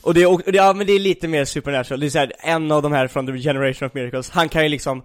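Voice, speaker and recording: A man's voice: on the high side, dry recording, studio quality. A young man in casual chat, animatedly retelling an anime with lots of fillers. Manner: animated, many fillers like "liksom".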